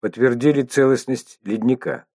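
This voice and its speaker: A man reading an audiobook voicing a massive, gruff male space agency chief with a stern, booming roar. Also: fairly even intonation, moderate pace, dark tone, dry recording, studio quality, natural voice.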